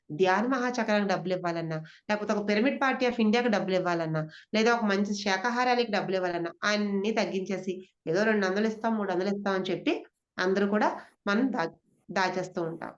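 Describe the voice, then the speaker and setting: A middle-aged woman speaks to a gathering about spiritual growth, drawing on her own family life. She keeps turning to her listeners with rhetorical questions and slips English words into her sentences. The recording sounds dull and lo-fi, at a middle pitch. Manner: asks the audience rhetorical questions. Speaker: speaker sharing spiritual experiences. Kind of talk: spiritual talk to an audience.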